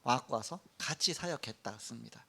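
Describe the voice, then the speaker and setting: A middle-aged male pastor giving a sermon, telling a story with lively acted-out quotes. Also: medium pitch, brisk, vocal fry, slightly rough. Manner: animated storytelling, acts out quoted lines.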